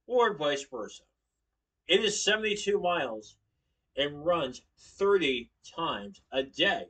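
Speaking in a voice that's a little high with a fairly bright tone, a young man from Connecticut, USA, delivers an informative class speech at home. He stands and gestures in the living room, occasionally correcting himself. A webcam across the room captures him from a distance.

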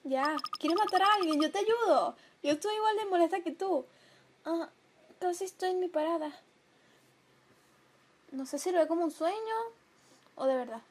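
A young woman commenting on a video game she is playing, emotional and prone to loud outbursts. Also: extremely high pitch, normal speed, pauses often. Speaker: gameplay commentator. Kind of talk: let's play commentary. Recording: home mic with clear background noise.

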